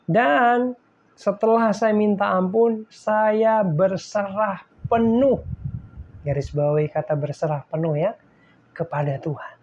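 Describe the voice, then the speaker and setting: A middle-aged man giving an emotional personal faith testimony, speaking to his listeners directly and shifting between hushed and fervent lines. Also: high-pitched, takes it slowly, lo-fi sound. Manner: keeps addressing listeners as "guys".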